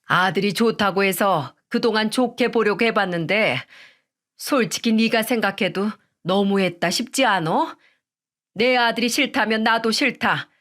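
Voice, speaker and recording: A woman's voice: a little high, moderate pace, lightly acted. Woman doing a fierce diver mother. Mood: stern. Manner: loud, fierce scolding. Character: fierce middle-aged widowed diver mother.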